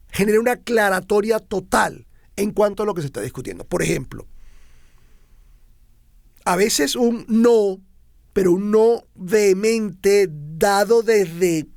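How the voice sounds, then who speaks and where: This middle-aged Venezuelan man, whose Venezuelan Spanish accent is clear, hosts a motivational talk. His high voice is recorded with studio quality and no room sound, and he speaks emphatically, repeating and drawing out key words for effect.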